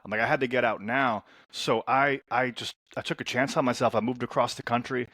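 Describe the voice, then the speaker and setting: Speaking as a guest on a podcast, a Lebanese-born coach for men's transformation who grew up in America chats informally and tells upbeat stories, frequently repeating the first words of a sentence. His mid-range voice is steady, brisk, pushed and bright, captured in studio quality without echo.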